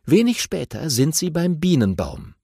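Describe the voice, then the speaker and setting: A man narrating a children's audiobook in an animated storytelling way. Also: fairly high pitch, moderate pace, creaky, husky, dry recording, clean studio sound.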